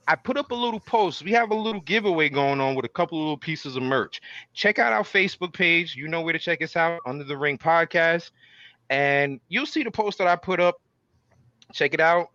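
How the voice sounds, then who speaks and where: Showy male podcast host, bright forceful voice. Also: on the high side, dry recording, dull audio. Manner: showy, theatrical. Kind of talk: casual wrestling fan talk with ring-announcer hype.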